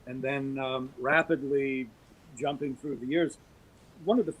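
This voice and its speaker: In a casual conversation, an East Coast guest actor from Baltimore, in his fifties, looks back warmly and thoughtfully on old radio drama. He speaks in a steady, husky, mid-range voice at an unhurried pace, captured in a rough recording.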